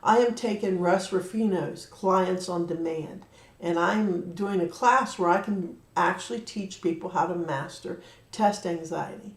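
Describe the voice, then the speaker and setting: A woman with a fairly low, unhurried voice gives an angel card reading on a livestream from an echoey room. A card reader and medium, she speaks directly to a viewer in an earnest, emotional way.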